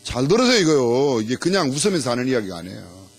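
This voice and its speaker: A man's voice: mid-range voice, big pitch swings, fast talker, breathy edge. A middle-aged male pastor preaching in a church, playfully leading the congregation through a game. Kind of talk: sermon. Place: church sanctuary.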